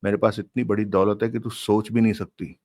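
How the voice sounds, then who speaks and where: A ruthless male gang boss talks with smug, easy assurance, as a man reads him in an audiobook. His voice is low and close to the narrator's own. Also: little pitch movement, brisk, a little mellow, dry recording, natural voice.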